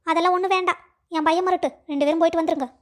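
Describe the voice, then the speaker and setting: A woman's voice: very high-pitched, fairly even intonation, rapid-fire. A woman voicing a suspicious old mother-in-law in a cartoon story. She talks in a scolding, accusing way. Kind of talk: cartoon voice acting.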